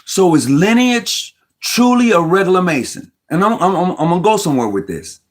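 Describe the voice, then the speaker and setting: As host of a relaxed talk on Freemasonry, a man with a slightly high voice pushes his point forcefully and with great animation at a normal pace. He reasons aloud, tripping over words and starting them again.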